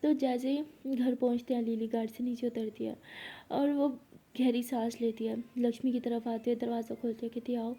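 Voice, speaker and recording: A woman narrates a storybook love story at an even pace. Her voice is husky and dark-toned. The melody stays flat and level throughout. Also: fairly high pitch, normal speed.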